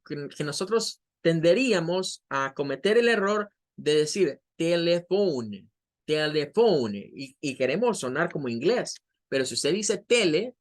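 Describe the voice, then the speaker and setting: A man whose first language is Spanish, teaching an English pronunciation lesson and slowly repeating model words for his students. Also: fairly high pitch, a bit bright.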